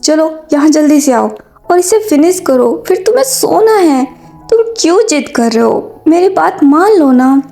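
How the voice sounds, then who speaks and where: A woman's voice: high voice, lively intonation, moderate pace, gravelly, mellow. Woman voicing a fed-up young man scolding. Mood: exasperated scolding. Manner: scolding, nagging, exasperated. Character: hot-tempered young man scolding a stubborn child. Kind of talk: fanfiction storytelling.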